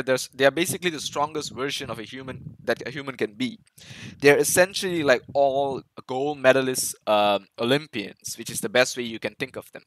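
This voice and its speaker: A man's voice: mid-range voice, a bit bright, rough recording. A man giving an enthusiastic, casual film breakdown, full of fillers and restarts. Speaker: film reviewer. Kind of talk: casual movie breakdown commentary.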